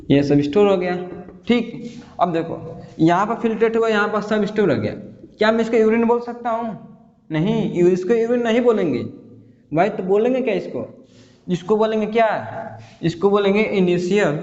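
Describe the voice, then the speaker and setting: A man with a high voice teaches a science lesson, stopping again and again to ask whether his class follows. His voice rings in a large, echoey room with a long tail of reverb. The sound is dull and muffled. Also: darkish tone. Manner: repeats questions and checks understanding often. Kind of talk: explaining a school science lesson. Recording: dull roomy audio with reverb.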